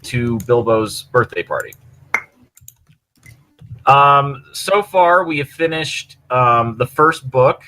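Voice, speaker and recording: Slow and expressive, pausing often, a man's mid-range voice comes across bright and forceful as he co-hosts a podcast, giving a casual, enthusiastic and rambling review of stories. The audio is poor, captured by a computer mic on push-to-talk online voice chat with clear background noise.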